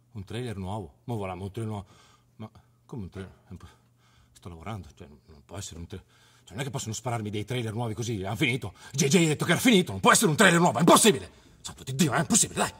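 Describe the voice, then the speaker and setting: A man reacting excitedly to a film trailer in a comic sketch, exclaiming and swearing. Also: mid-range voice, fast talker, long pauses, breathy edge. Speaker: comedy host. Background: trailer music.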